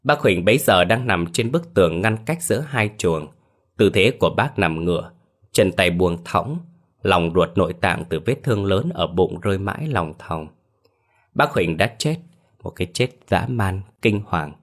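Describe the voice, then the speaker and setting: A man narrating a scripted horror story in a steady, measured way. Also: low voice.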